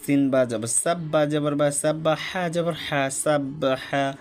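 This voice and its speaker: A male teacher slowly leading a Quran reading drill, naming each letter and vowel mark and then joining them into syllables with patient step-by-step explanations. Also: a little high, fairly even intonation. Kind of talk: slow, repetitive recitation drill.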